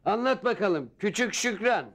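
A suspicious sitcom dad. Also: male voice, high-pitched, expressive, moderate pace, creaky, heavy background noise. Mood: teasing. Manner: suspicious, teasing interrogation. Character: suspicious grumpy father, older man. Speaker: father, head of the house. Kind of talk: sitcom acting.

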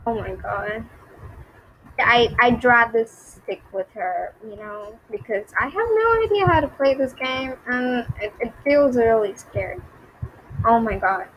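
Young woman, gaming commentary, nervous, repetitive, slow-paced, faint background noise. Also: on the high side, lively intonation, highs cut off. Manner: nervous, jumpy, repeats herself. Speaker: gaming YouTuber. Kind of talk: game commentary.

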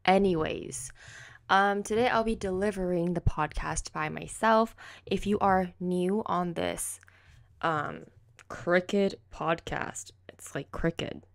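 Speaking slowly at a fairly low pitch, a young American-raised woman hosts her casual solo podcast from a home room backed by a kitchen. She uses a close silver condenser desk mic. Her talk wanders and self-corrects, packed with "like."

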